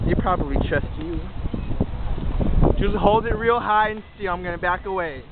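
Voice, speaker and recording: A man's voice: sits high, normal speed. A man chatting casually outdoors, coaxing someone along and repeating short phrases encouragingly. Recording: tinny phone-like audio, loud wind noise.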